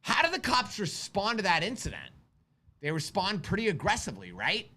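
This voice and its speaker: A firearms instructor and livestream host speaks a little fast in a high-pitched, bright, forceful voice whose pitch swoops wildly. In a casual stream answering viewers, he tells stories with energy, asks rhetorical questions and talks with his kids.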